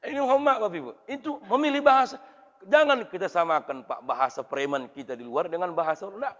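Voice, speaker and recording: A man preaching a lively mosque sermon, swinging between loud and soft and acting out voices. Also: sits high, fast talker. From Indonesia. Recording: reverberant hall through dull PA sound.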